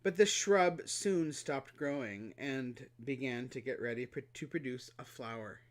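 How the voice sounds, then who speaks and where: A man reading a children's storybook aloud, expressive and animated, with playful asides. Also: mid-range voice, measured pace. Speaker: reader.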